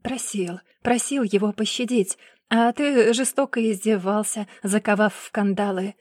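Woman reading as a tense lady investigator, soft and hushed, dry close mic. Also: medium pitch, normal speed, dry recording, close to an everyday voice. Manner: hushed, then accusing. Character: tense young female investigator who sees ghosts.

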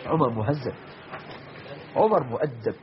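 A man preaching a sermon, emphatic and repetitive, slowing and rising on key words. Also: medium pitch, animated, slight background noise. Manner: emphatic, repeats phrases, slows and rises for emphasis. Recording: dull lo-fi recording.

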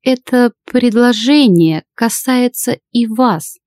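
A woman's voice: fairly high pitch, slow, a little mellow, no room sound, pitched above the performer's own voice. A woman playing a cold, dry old matron. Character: stern composed old woman, club matron.

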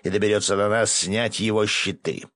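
A man's voice: fairly low pitch, steady tone, moderate pace, fairly bright tone, no echo, lightly acted. A man reading the lines of a practical army colonel who warns urgently.

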